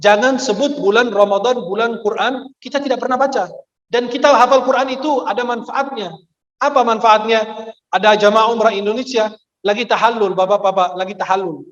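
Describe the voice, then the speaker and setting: Guy preaching in a funny storytelling way, really high voice, dull lo-fi sound. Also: normal speed, reverberant. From Egypt. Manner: lively storyteller who acts out the people in his stories. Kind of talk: humorous Ramadan sermon with anecdotes. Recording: dull lo-fi recording.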